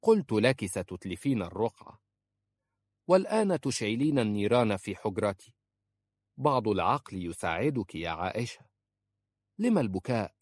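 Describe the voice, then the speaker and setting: A man voicing a sharp-tongued older woman who scolds and protects a young woman, with a sarcastic, blunt manner. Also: fairly low pitch, animated, normal speed, pauses often, no echo. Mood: scolding. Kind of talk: audiobook character voice.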